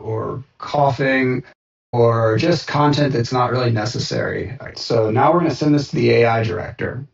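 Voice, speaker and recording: A man's voice: medium pitch, gravelly. A man casually walking through a screen-share demo of his app, thinking aloud with frequent "uh"s and restarts. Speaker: software developer demoing his app. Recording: roomy, distant and dull sound.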